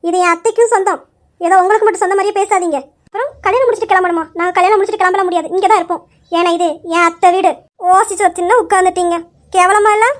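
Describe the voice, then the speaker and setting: A woman's voice: very high-pitched, steady tone, very fast. A woman playing a sneering spoiled young woman. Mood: taunting. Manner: taunting, scornful. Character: rude spoiled young woman guest, sharp-tongued. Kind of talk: amateur Tamil story drama.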